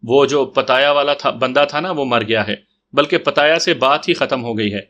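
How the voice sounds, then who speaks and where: A man's voice: mid-range voice, a bit bright, lightly acted. A man voicing a blunt young woman investigator. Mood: matter-of-fact. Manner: blunt and direct.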